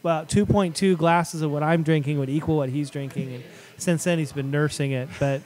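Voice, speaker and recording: A man's voice: fairly high pitch, steady tone, fairly quick, a little mellow. A man hosting a casual beer show from a studio, chatting loosely with lots of fillers. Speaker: show host.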